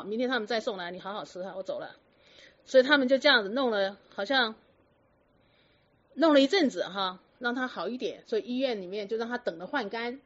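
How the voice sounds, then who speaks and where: A woman telling stories about patients to an audience in a lively, lecturing way full of rhetorical questions. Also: a little high. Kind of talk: storytelling talk to an audience. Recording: dull lo-fi recording.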